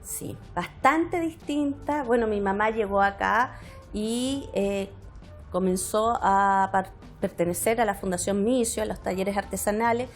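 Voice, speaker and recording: A woman's voice: medium pitch, unhurried, soft background music. A woman in her fifties from Chile, a parliamentarian guest, telling personal stories in a reflective, hesitant way. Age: 50s. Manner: warm reflective storytelling, frequent hesitations. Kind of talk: conversational interview.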